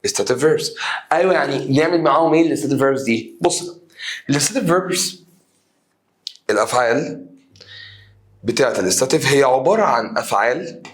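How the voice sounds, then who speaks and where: Casting: young Egyptian man, English teacher, lively exam review, repeats and drills. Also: mid-range voice, moderate pace, pauses often. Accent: Egyptian Arabic. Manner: lively, repeats key terms, drills students to chant along.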